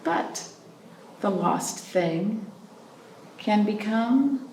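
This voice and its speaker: A children's librarian hosts a read-aloud storytime for young children, her medium-pitched voice animated and expressive as she draws out story phrases. She prompts listeners with questions and pauses. The recording sounds roomy, with a distant mic and faint noise.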